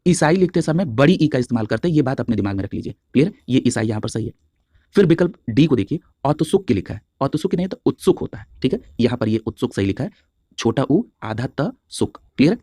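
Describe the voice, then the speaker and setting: A man teaching an exam-prep spelling lesson at a quick clip, his voice dry and close with no room around it. He spells out each word slowly, piece by piece, then checks in with "clear?" before moving on. His pitch sits right in the middle for a man. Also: animated, dark tone, no echo. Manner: drills each answer, checks with a constant "clear?"; spells words out slowly letter by letter.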